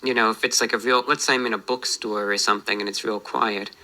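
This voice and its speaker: A man speaking in a calm, understated, mildly bemused way in a casual monologue, answering viewer emails as a YouTuber. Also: on the low side, quick pace, rough recording.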